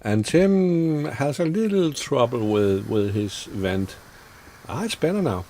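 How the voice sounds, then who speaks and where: A man's voice: mid-range voice, big pitch swings, slow pace, dark tone, a little hiss or hum. A man hosting a casual online stream, hesitant and full of fillers. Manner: hesitant, many fillers, chuckling. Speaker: host.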